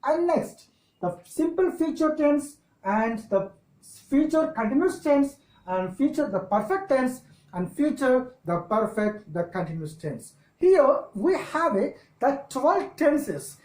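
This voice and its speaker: A woman with a Telugu accent, a native Telugu speaker, teaching an English grammar lesson in halting, repetitive phrases. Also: high-pitched, sing-song, a little mellow. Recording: echoey room.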